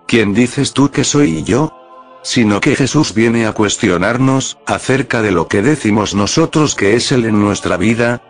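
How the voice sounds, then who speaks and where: A low-pitched man preaches an earnest, emphatic reflection. A faint bed of music plays under his voice. He sometimes acts out the lines he quotes. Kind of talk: sermon reflection.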